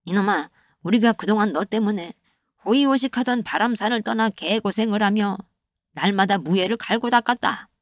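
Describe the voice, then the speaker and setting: A woman's voice: mid-range voice, moderate pace, no room sound, studio quality, lightly acted. A woman voicing timid male bandit underlings who fawn over their chief, in a comic animation. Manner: nervous, fawning.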